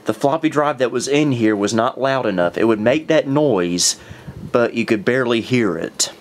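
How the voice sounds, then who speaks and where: A young man speaks in a mid-pitched voice, tired and a little short of breath, but eager as he rambles along. He corrects himself often mid-sentence. A faint hiss sits under the recording. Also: animated, moderate pace. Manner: chatty, self-correcting, enthusiastic. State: winded, worn out. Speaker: vintage computer video host. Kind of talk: casual talk to camera.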